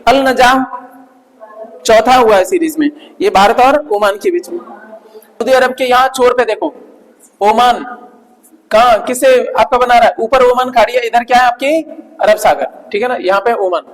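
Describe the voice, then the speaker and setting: A man's voice: extremely high pitch, moderate pace, long pauses. A male coaching teacher giving a revision lecture, asking his students questions and answering them himself, repeating key points as memory tricks. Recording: long hall reverb.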